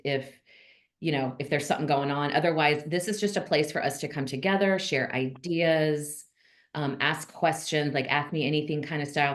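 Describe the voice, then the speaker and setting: Low-voiced frank woman hosting a call. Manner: frank, upbeat, chatty with many ums. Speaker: host of a monthly call for notaries. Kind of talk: casual video-call chat.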